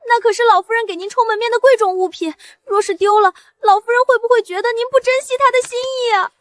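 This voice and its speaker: Woman doing anxious young maid, very high voice, fretful, dry close recording. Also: fast, dry recording. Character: anxious young maidservant, timid and loyal. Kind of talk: animated drama dub.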